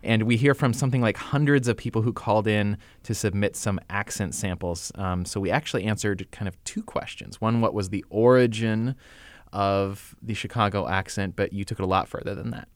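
A man hosts a radio segment in easy, relaxed chat. His voice is fairly low, and the studio sound is dry and close. He sets up each part of the show plainly. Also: brisk, no echo. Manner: relaxed, thanking and setting up segments. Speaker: radio host.

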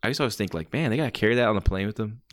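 Man, fairly low pitch, wrestling commentator, informal play-by-play, exclamatory reactions, casual swearing. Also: rapid-fire.

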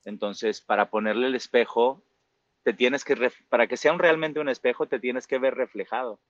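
A man's voice: mid-range voice, fairly even intonation, normal speed, no echo. Man, Mexican Spanish accent, forties, interview guest, reflective, many fillers, dry slightly lo-fi sound. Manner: reflective, frequent fillers and tag questions. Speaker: musical theater performer, guest. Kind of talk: casual interview talk.

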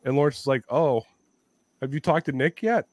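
A man hosting a podcast, telling a story in casual chat, animated, swearing freely and acting out what people said. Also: mid-range voice, moderate pace, no room sound. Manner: animated storytelling, swears a lot, acts out quotes. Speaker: podcast host.

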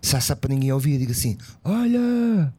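A man's voice: mid-range voice, little pitch movement, rapid-fire, warm tone. A man with a European Portuguese accent, a podcast guest telling a story vividly, acting out scenes with sound effects and swearing. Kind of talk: animated storytelling in casual chat.

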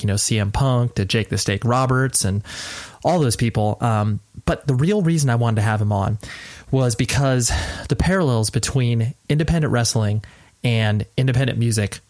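An American man hosting a podcast at night, keeping his voice quiet and restrained as he rambles informally and earnestly through a casual intro. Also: lowish voice, no echo. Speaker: podcast host. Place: at home at night, next door to a sleeping person.

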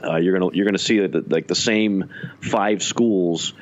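A man with a deep voice co-hosts a podcast, chatting casually and animatedly about sports at a moderate pace. He restarts his sentences often, and the sound is lo-fi.

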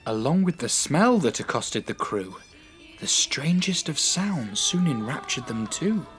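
A lively storyteller, voiced by a man, narrates a seafaring tale in rhyme. The middle-pitched delivery moves expressively up and down, with soft music behind it. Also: measured pace. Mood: storytelling. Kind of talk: rhyming scripted storytelling.

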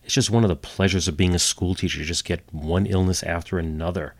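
This storytelling history podcast host talks fast in a low, steady voice, slightly nasal because he's getting over a cold, and slips in dry, wry asides. He records dry on a home computer setup.

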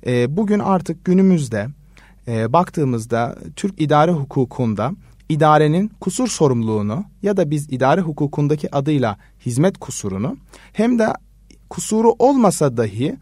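A man who is a law research assistant, answering interview questions in a measured way with many hesitation fillers. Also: fairly high pitch, big pitch swings, a little mellow, no echo, studio quality. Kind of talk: explanatory radio interview answers.

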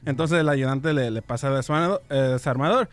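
A man's voice: mid-range voice, a little fast. A man from Guatemala telling a joke on a radio show, hesitant and restarting often.

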